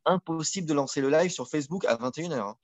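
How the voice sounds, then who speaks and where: A man's voice: on the high side, quick pace, heavy background noise. A man hosting a casual live web show from home, chatty and repeating himself, full of fillers. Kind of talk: casual live-stream chat.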